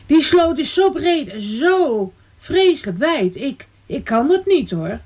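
A woman's voice: high-pitched, big pitch swings, slow pace, darkish tone, voice pushed up, heavily acted. A woman voicing a timid little girl with a small, frightened voice.

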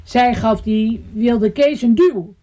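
A woman reading a children's story aloud, expressive and sing-song. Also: a little high. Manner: slow, lively and sing-song.

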